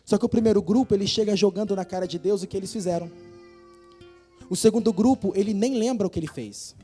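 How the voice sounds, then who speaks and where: A man with a Brazilian Portuguese accent preaching a sermon in a church, earnest and building to forceful emphasis. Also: high-pitched, fast talker, soft background music. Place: church hall.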